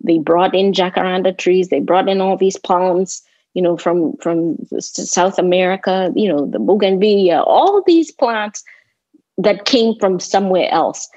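A woman's voice: on the low side, fairly even intonation, moderate pace, darkish tone. A woman with a Kenyan accent talking reflectively as an interview guest, thoughtful and given to emphatic repetition. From Kenya, grew up in Nairobi. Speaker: interview guest, landscape designer. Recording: roomy, slightly dull lo-fi audio.

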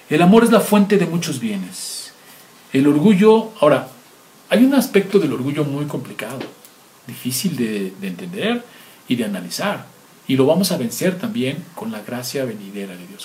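A man's voice: mid-range voice, darkish tone. A man, a pastor delivering a sermon full of rhetorical questions and acted-out everyday examples.

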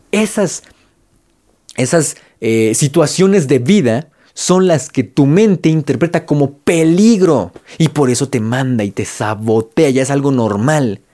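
Talking to the camera, a man with a Mexican accent offers casual motivation in a conversational style, using slang and repeated phrases to drive points home. He's a motivational vlogger whose medium-pitched voice has a warm tone.

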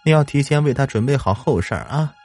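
A man voicing a gentle elderly woman doctor who soothes and lectures softly in an audio story. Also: medium pitch, animated, soft background music, pitched above the performer's own voice. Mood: earnest. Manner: soft, soothing, drawn-out lecturing.

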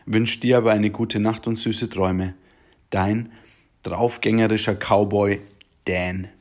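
A man's voice: lowish voice, fairly even intonation, measured pace. A man, a teacher, reading his comic diary at home in a dry, self-mocking way.

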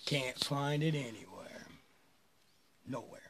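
A man's voice: medium pitch, fairly quick. A man telling a long rambling story, swearing often and laughing between phrases.

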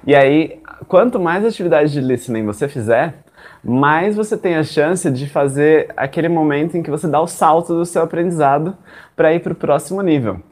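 Brazilian man, young adult, casual teacher, chatty, slightly high voice. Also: normal speed, darkish tone. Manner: conversational, addresses listeners as "gente", acts out his own past thoughts. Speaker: English teacher.

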